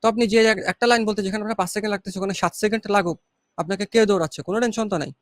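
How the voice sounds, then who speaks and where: A relaxed Bangladeshi man speaks in a fairly high voice, unhurried and encouraging. He sounds close and dry, with no room around him. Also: no room sound. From Chittagong, Bangladesh. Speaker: guest graphic designer. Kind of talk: casual advice talk.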